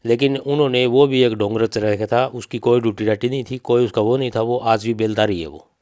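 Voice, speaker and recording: In an interview, a middle-aged man with a Haryanvi accent, mourning his child, tells his account insistently, going over points again and quoting others. He speaks a bit quickly in a steady, mid-range voice with a slightly mellow quality.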